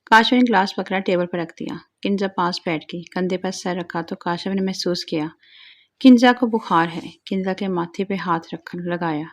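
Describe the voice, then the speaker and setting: A woman narrating an audio story with a moralizing, plain storytelling manner. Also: lowish voice.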